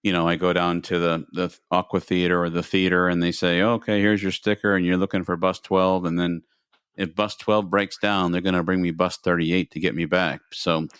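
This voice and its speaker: A man co-hosting a podcast talks in a very low voice. His casual chat rambles, and he repeats words as he gathers his thoughts. The recording is close and dry. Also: level tone, normal speed, a bit bright, clean tone, no room sound. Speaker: podcast co-host.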